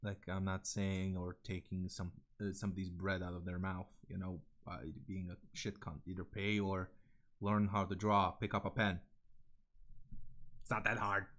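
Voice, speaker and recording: A young Serbian man with a Serbian accent rambles casually on stream as a vtuber, blunt and full of fillers, swearing freely. His voice sits low and sounds a bit bright.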